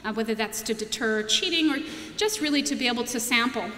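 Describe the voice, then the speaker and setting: A young adult woman delivers a conference keynote from a podium on a large auditorium stage, presenting product features in a casual, conversational way full of fillers and restarts. Her voice is on the high side, bright and forceful, with lively intonation and a slightly fast pace. The podium mic is picked up by a distant camera, so there's long, echoey reverb plus a little hiss or hum.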